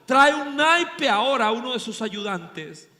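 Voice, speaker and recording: A male pastor preaches in a dramatic storytelling style, surging loud and then dropping low and hushed. His voice sits very high and sounds bright and sharp. A long hall reverb trails his words. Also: very animated, takes it slowly. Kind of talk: sermon. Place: large hall at a pastors' retreat.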